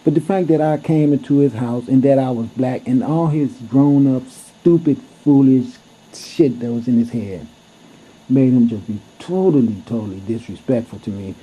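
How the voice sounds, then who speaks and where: A man's voice: medium pitch, moderate pace, husky. A man telling a story to camera in a blunt, heated way, cursing freely as he goes. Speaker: vlogger. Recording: dull lo-fi recording.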